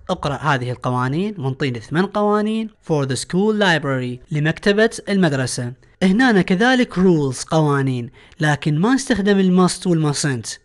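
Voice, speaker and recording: A man with an Iraqi Arabic accent, teaching a recorded English lesson. He reads English lines slowly and carefully, then translates them. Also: on the high side.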